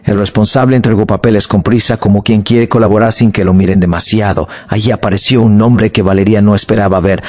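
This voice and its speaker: A man narrating a fictional crime story in a calm, measured documentary style. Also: fairly low pitch. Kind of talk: scripted true-crime narration.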